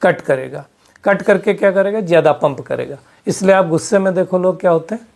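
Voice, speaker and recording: A man's voice: high voice, brisk, creaky, darkish tone, slight background noise. A man giving a spiritual health talk to a live audience, asking them question after question and mixing English terms into his speech. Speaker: spiritual teacher.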